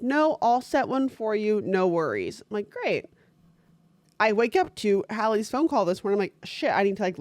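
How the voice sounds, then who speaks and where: A woman's voice: mid-range voice, no room sound. Young woman co-host, blunt, swears a lot, acts out quotes, dry close sound. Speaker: podcast co-host. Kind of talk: casual chat.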